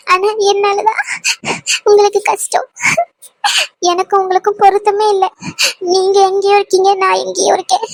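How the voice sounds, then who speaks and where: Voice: very high-pitched, creaky, fairly bright tone, no room sound, exaggerated voice, poor audio. A performer voicing a young woman in a cartoon, insecure and crying as she pleads and blames herself. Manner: pleading, self-blaming. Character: young woman Anu, tearful, insecure lover.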